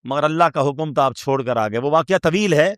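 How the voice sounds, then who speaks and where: A man delivering a sermon as a preacher, emotive and rhetorical. He asks the listeners questions and swings from loud, high questions to low, quiet asides. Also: lively intonation, no room sound, clean studio sound.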